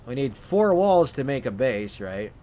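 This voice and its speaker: A man casually commenting while he plays a video game, thinking out loud and often correcting himself. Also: medium pitch, sing-song, measured pace. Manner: rambling, self-correcting, thinking aloud. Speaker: let's play host.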